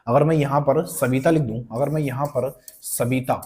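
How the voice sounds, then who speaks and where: A man teaching an online exam-prep grammar lesson, talking to students like friends, checking that they follow and slowly repeating key words and example sentences. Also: mid-range voice, fairly even intonation, a little mellow. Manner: conversational and coaxing, checks in with students often.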